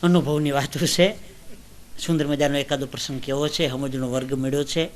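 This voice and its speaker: A man from Gujarat, doing folk stand-up storytelling that swings from hushed asides to loud, emotional declaiming. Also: mid-range voice, flat delivery, moderate pace, a little hiss or hum. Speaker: stand-up comedian.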